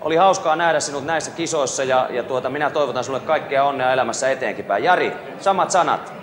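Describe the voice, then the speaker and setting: A man's voice: medium pitch, fairly bright tone. A man hosting a TV quiz show live aboard a cruise ship, bantering and teasing the contestants between questions.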